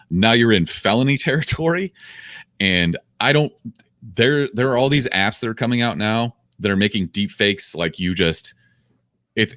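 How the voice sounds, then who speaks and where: A young man with a very low, deep voice trades jokes on a casual podcast, sarcastic and loose with the swearing. His voice is recorded dry and close, with no room sound. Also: a bit bright, no room sound. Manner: riffing, sarcastic, profane. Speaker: podcast co-host. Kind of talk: casual comedic podcast chat.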